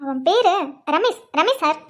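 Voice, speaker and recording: A woman's voice: extremely high pitch, lively intonation, fairly bright tone. A woman voicing a dutiful female police constable in a cartoon who reports to her superior respectfully. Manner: respectful, brisk and informative.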